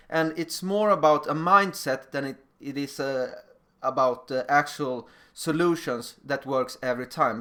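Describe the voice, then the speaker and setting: Personal stories run through this informal recorded presentation by a middle school teacher from Sweden. He speaks with a Swedish accent in plain, slightly non-fluent phrasing, being a non-native speaker. His voice is a little high with a fairly bright tone.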